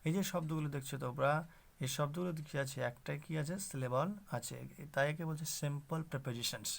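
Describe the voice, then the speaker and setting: Male grammar teacher, gravelly tone, patient classroom explainer, asks questions to the class. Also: on the high side. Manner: explains slowly with rhetorical questions to students. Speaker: English teacher.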